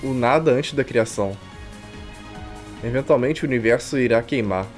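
A Brazilian man streams a visual novel read-aloud, peppering it with slangy, irreverent comments while game music plays. He speaks at a moderate pace with a medium pitch.

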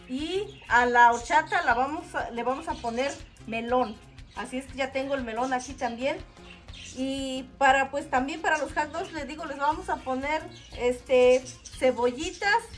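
High-voiced woman casually demonstrating home cooking. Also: a bit bright. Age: middle-aged. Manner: homely, explains step by step, checks in with viewers. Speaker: host of a home cooking video. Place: outdoor covered backyard kitchen.

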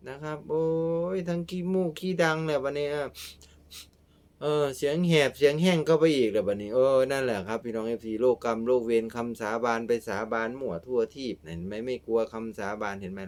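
A man's voice: mid-range voice, darkish tone. A man delivering a casual, heated, scolding monologue to his fans. He is crude and keeps adding repeated filler tags. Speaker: online commentator addressing his fans.

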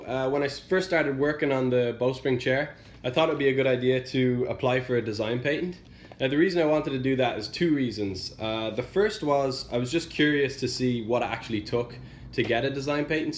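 A man's voice: medium pitch, reverberant, slight background noise. A man in his thirties talking casually to camera as a DIY video maker. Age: 30s. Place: indoors in a living room studio.

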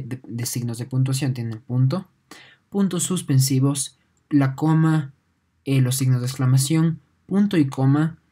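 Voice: medium pitch, dark tone. A teacher gives an online lesson, explaining patiently, often ending points with a questioning "no?" and repeating words while thinking.

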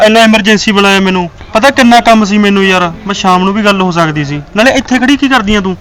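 A young Punjabi-accented man tries to calm his girlfriend down, coaxing and pleading in a rush, as an actor plays him. His voice is high for a man, with traffic outdoors. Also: fast talker, recorded from a distance, rough recording. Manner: pleading, coaxing, repeats "yaar". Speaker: boyfriend. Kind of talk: short film acting.

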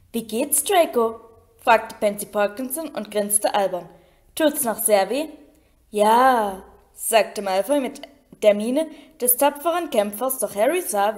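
A woman's voice: fairly high pitch, a little mellow. Woman reading a storybook aloud. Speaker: audiobook reader. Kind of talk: reading a children's novel aloud.

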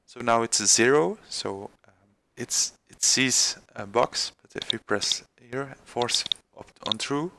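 A man presenting a screen-recorded software tutorial, halting with many fillers and restarts. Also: mid-range voice, creaky, background noise.

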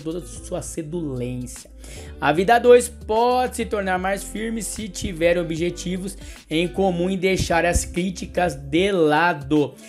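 A man with a Brazilian Portuguese accent runs an astrology channel, where he reads the daily horoscope and promotes his services. He speaks directly to the listener in a warm, upbeat way.

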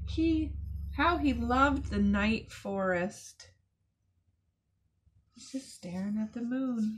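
Lady doing a kids storytime, slow careful reading, chats to the kids in between. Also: fairly high pitch, slight background noise. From United States. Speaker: zoo educator. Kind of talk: children's storytime read-aloud.

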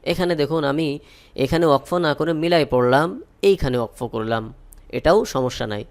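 A man with a Bangladeshi Bengali accent teaching Quran reading, spelling out each letter and vowel mark, then chanting the verses slowly. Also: on the high side. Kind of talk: slow spelled-out Quran recitation lesson.

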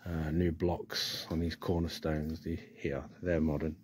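With a rumbling low, darkish voice held at a level tone and measured pace, an Englishman hunts ghosts at a church, recording on a phone in his hand. He commands the spirits firmly before offering plain remarks on the building. He moves from the churchyard outside into the church porch.

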